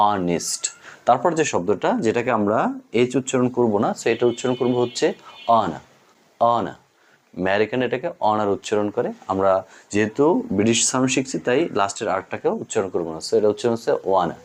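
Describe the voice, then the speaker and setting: A man's voice: medium pitch, a little mellow. A Bengali-speaking man teaching English pronunciation in a lesson, patiently saying each word twice. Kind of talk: spoken language lesson.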